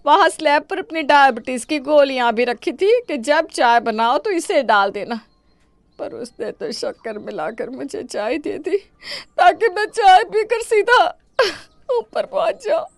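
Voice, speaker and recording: A woman voicing a scheming older mother-in-law in an animated story, with theatrical wailing and complaining. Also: high voice, a little slow, dry recording.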